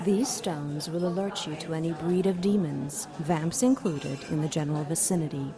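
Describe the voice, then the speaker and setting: An actress playing Lilith, an ancient and cruel female demon, in an audio drama, speaking haughtily with slow mockery. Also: low voice, music in the background. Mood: commanding.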